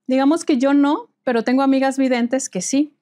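A woman, a spiritual healer guest in an interview, telling stories lively and acting out the dialogue. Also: high voice, moderate pace. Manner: lively, acts out dialogue in quoted voices, laughs often. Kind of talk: storytelling in an interview.

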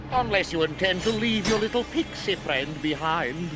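An actor playing a pompous, theatrical pirate captain villain in a game cutscene, blustering and then panicky. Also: male voice, high-pitched, full character voice.

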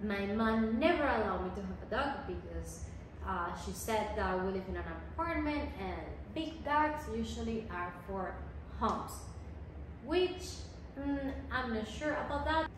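A woman's voice: on the high side, lively intonation, measured pace, noisy background. Woman vlogging, echoey room. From Venezuela. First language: Spanish. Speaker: dog owner vlogger. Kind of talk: casual talk to camera. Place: living room, indoors.

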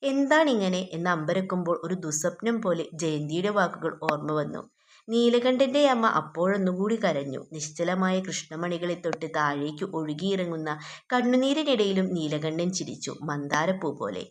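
A woman's voice: lowish voice, expressive, normal speed, slight background noise. A woman teacher reading a textbook story aloud and explaining it to students, often asking them questions. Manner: addresses students directly with questions.

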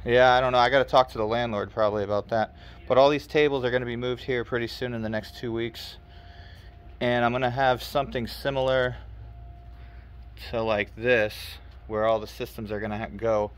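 A man's voice: mid-range voice, a little fast, clear, resonant tone. An American man who runs a retro game store, talking casually to camera while out shopping, with crude, joking banter. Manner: relaxed, crude, boastful joking. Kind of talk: casual vlog narration. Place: store, parking lot and supermarket.

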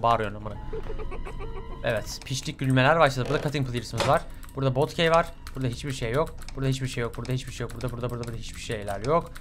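A young man commentating his own horror game playthrough, swearing often, bursting into yells and slipping into English curses. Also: medium pitch. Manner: excitable, swears a lot, sudden yelling outbursts. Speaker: gaming channel host. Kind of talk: let's play commentary.

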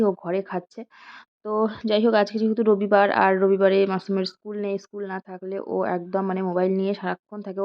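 A woman's voice: medium pitch, highs cut off. A woman chatting casually to viewers as she cooks at home, rambling and friendly. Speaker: vlogger, housewife. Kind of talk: casual cooking vlog narration. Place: home kitchen and yard.

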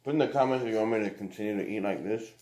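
A man's voice: fairly low pitch, very fast, darkish tone. A man vlogging at home while eating, rambling casually to pets and viewers between bites. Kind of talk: casual mukbang vlog. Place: home, indoors.

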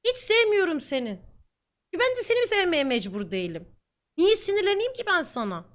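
A woman streamer speaks bluntly and defiantly, talking at length. Her high voice is bright and lively, swinging widely in pitch. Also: moderate pace. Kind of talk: reacting to comments on camera.

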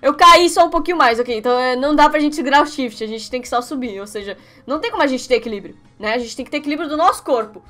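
A young Brazilian woman giving let's-play commentary on her webcam setup, excitable and quick to yelp and shriek at each slip. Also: high-pitched. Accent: Brazilian Portuguese. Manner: excitable, yelps and shrieks when failing. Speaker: gaming youtuber.

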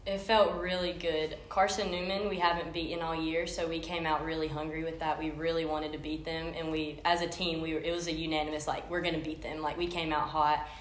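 A young woman softball player speaking casually and upbeat at a press conference. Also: low voice, level tone, a little fast, hardly any pauses. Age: young adult. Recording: echoey room, faint noise.

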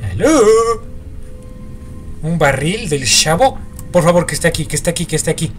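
A man's voice: a little high, lively intonation, quick pace, soft background music. A young man with a Mexican accent giving horror game commentary, jumpy and swearing as he talks to himself and his viewers. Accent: Mexican Spanish. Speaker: gaming YouTuber.

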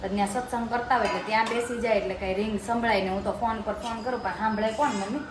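A woman's voice: a little high, steady tone, racing. A woman chatting through a home vlog, often cooing in baby talk to an infant. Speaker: vlogger. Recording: noisy with passing traffic.

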